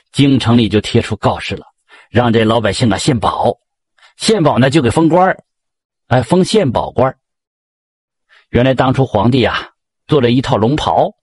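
A man telling a folk tale in a lively, colloquial way. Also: medium pitch, breathy edge, dry recording. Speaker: storyteller.

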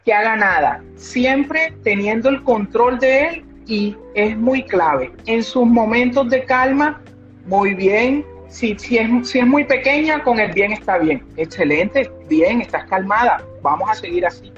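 A woman with a slightly high, expressive voice takes her time while being interviewed as a child-behavior specialist. She makes her points emphatically, repeats key phrases, and uses examples, and the lo-fi recording is dull with faint music.

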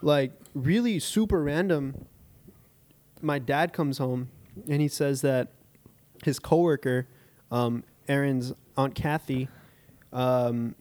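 A man's voice: mid-range voice, a little slow, a little mellow. A young man chatting casually and telling a rambling story, full of fillers and restarts. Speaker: coffee shop employee. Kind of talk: casual chat.

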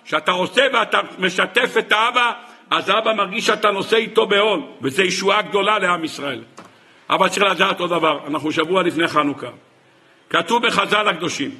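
A rabbi giving a sermon on the weekly Torah portion, impassioned, rising into pleading and dropping to hushed asides, slowing down when quoting sources. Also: male voice. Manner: impassioned, swinging between raised pleas and hushed low asides.

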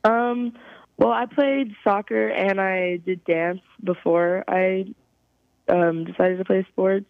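A young woman from California, a college softball player, giving halting, thoughtful interview answers over a phone call. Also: mid-range voice, steady tone, gravelly, no room sound. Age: young adult. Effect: heard over a phone call. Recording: tinny, dry phone line.

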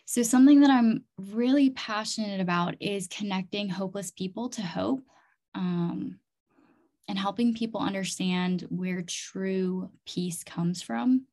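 This woman, with roots in both Chiang Mai, Thailand and North Dakota, appears as an interview guest; she's a community development leader and leadership coach. Her mid-range voice is warm and a bit slow as she shares personal stories earnestly and emphatically, sprinkling in plenty of "like" and "literally."

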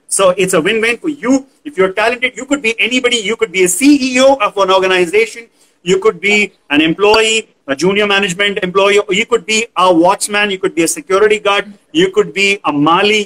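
High-pitched Indian-accented male host. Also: a bit bright, poor audio. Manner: effusive, repetitive emphasis. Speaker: online talk show host. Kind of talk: casual hosting, announcements.

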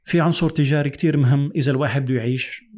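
Male interviewer, Levantine Arabic accent, average pitch, supportive and conversational, code-switching into English. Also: fairly even intonation, rapid-fire, darkish tone. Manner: encouraging.

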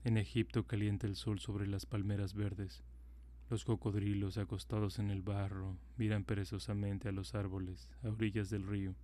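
A man voicing a kind-hearted little female swallow in a calm storybook reading. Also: lowish voice, moderate pace, lightly acted. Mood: devoted.

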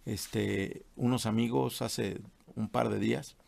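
A man's voice: on the low side, fairly even intonation, takes it slowly, vocal fry, darkish tone. A man, interviewing a guest and asking long, searching questions. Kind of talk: casual interview.

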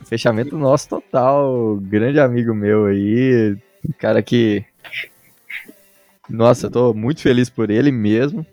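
A man's voice: mid-range voice, measured pace, dark tone, dry recording, soft background music. A man with a Brazilian accent hosting a casual sports podcast, chatting in an informal, jokey, stop-start way. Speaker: podcast host.

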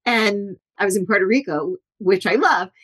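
A woman in her forties speaks as an interview guest, telling her stories with lively swings in pitch and voicing the people she quotes. Her voice sits at an average pitch for a woman. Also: moderate pace, husky. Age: 40s. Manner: animated, acts out quotes with shifting voices. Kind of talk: storytelling interview.

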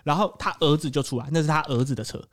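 A man's voice: fairly high pitch, racing. A young man with a Taiwanese Mandarin accent hosting a podcast, telling stories in casual chat full of swearing. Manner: profane, animated storytelling. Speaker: podcast host.

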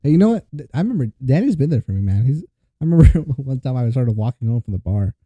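A man co-hosting a podcast, telling quick, chatty anecdotes in casual conversation. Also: medium pitch, very animated, warm tone, husky, no echo. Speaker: podcast co-host.

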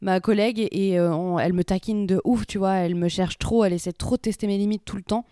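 A young woman chatting casually with a friend, telling lively slangy stories about her coworkers. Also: mid-range voice, fast, no echo, clean studio sound. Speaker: office worker. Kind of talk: casual chat between friends.

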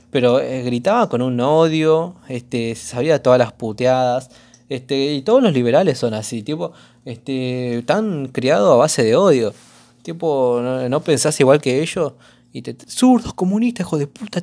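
A man with an Argentine accent, hoarse, rambling through a casual commentary vlog with lots of slang and fillers. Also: medium pitch, darkish tone. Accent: Argentine Spanish. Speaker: vlogger.

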